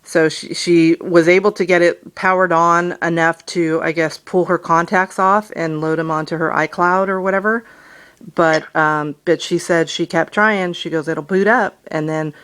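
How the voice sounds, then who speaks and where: A woman's voice: lowish voice, steady tone, normal speed, a bit bright, smooth. A middle-aged woman, a customer on a phone call, explaining in a conversational, persistent way. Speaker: customer calling about a bill.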